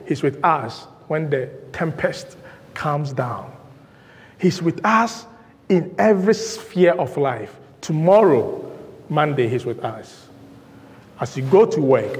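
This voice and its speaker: A man's voice: a little high, in a large hall. A male pastor preaching a sermon in a church, emphatic and rhythmic, driving points home through repetition. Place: church sanctuary.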